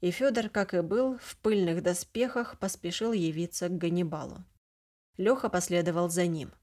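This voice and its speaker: A woman narrating an adventure novel aloud, reading the characters' lines in a lightly voiced, even manner. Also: fairly low pitch, moderate pace. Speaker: audiobook narrator. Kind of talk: scripted narration.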